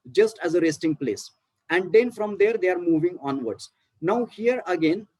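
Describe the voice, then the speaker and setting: A man's voice: high-pitched, a little mellow, no room sound, rough recording. A man with an Indian English accent giving an academic talk on archaeology, explaining step by step with many fillers. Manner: explanatory, frequent fillers and restarts. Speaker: archaeology lecturer. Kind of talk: academic presentation.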